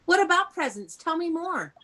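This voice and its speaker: An American elementary school teacher leads young children through an interactive read-aloud on a video call, praising them and prompting them with questions. Her voice is very high-pitched and sharp, with big pitch swings, at a normal speed.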